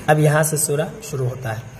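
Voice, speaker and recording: A man teaching Quran recitation, chanting each verse slowly and then explaining pronunciation quickly, often checking with "theek hai?". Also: a little high, a little mellow, in a large hall, slight background noise.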